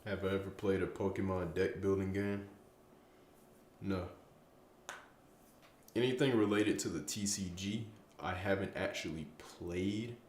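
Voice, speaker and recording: A man's voice: sits low, measured pace, long pauses, darkish tone, echoey room, a little hiss or hum. A tired young man chatting casually on a late-night stream, rambling and stumbling over his words, with self-mocking trash talk. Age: young adult. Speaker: streamer answering chat.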